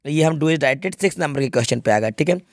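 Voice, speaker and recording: A man with a fairly high, expressive voice, speaking a little fast, walks students step by step through an English grammar exam paper and often checks they're following. The studio sound is clean, with no room sound.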